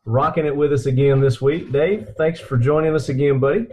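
A man's voice: on the high side, steady tone, fairly quick, warm tone, breathy edge. A man hosting a podcast in enthusiastic casual chat, recorded through a computer's built-in microphone. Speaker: podcast host. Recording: dull lo-fi computer microphone pickup.

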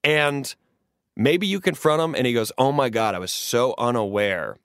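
A man's voice: medium pitch, moderate pace, a bit bright, clear, resonant tone, no room sound. A man in his late thirties, earnest and a little rambling as he talks through a listener's problem, often circling back and restarting his sentences. His voice sits mid-range for a man. The recording is close and dry, with no room sound. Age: 30s. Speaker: podcast co-host giving advice. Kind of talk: casual advice chat.

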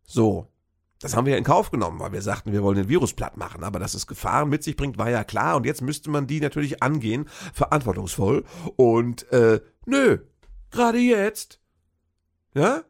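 A man's voice: medium pitch, sing-song, a little fast, creaky, slightly rough. A man in a casual, rambling political rant, sarcastic and full of fillers and restarts.

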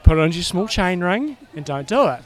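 A man's voice: high-pitched, big pitch swings, fast talker. A man giving casual commentary outdoors as a co-host. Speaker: co-host and triathlon coach. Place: outdoors at a triathlon roadside.

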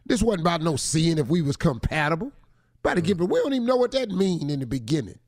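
A man's voice: on the high side, very animated, quick pace, a little mellow, dry recording, studio quality. A man co-hosting a comic advice talk segment, teasing the letter writer and acting out his lines. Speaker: radio show co-host giving advice. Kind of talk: comic relationship advice chat.

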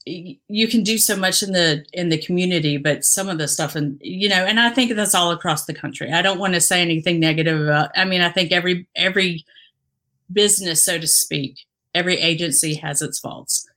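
A woman with a somewhat low voice talks in a candid interview. She is earnest and reflective, and she pauses often with fillers and restarts her sentences. She grew up in the Dominican Republic. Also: pushed and bright. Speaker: interview guest, injured former police officer.

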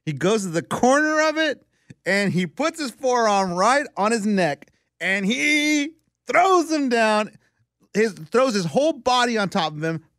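A man from South Texas co-hosting a casual sports chat show, telling stories in an animated way and acting out the scenes. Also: very high voice, a little slow, no echo, studio quality. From McAllen, Texas. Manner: animated storytelling, acts out scenes. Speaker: podcast co-host.

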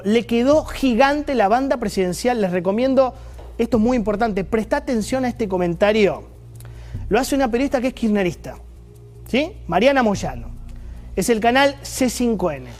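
Argentine guy ranting politics, high voice, sarcastic and repeating himself, light music behind. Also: animated, moderate pace, a little mellow. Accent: Argentine Rioplatense Spanish. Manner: emphatic, repetitive, sarcastic. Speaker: political commentator host. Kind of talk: opinion commentary.

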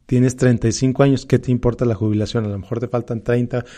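Male financial presenter, Mexican accent. Soft-edged, relaxed tone, mid pitch, emphatic advisory delivery with repeated key phrases. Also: quick pace. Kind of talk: motivational personal finance talk.

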